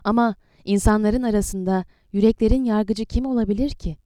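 A woman reading the lines of a weary aging male leader, speaking softly and troubled. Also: medium pitch, normal speed, no room sound, studio quality, close to an everyday voice. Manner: soft, troubled.

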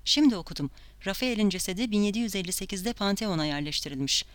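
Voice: mid-range voice, lively intonation, fast, clear, resonant tone, no room sound, natural voice. A reader voicing a tense, frightened young woman in an audiobook, speaking insistently. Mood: urgent.

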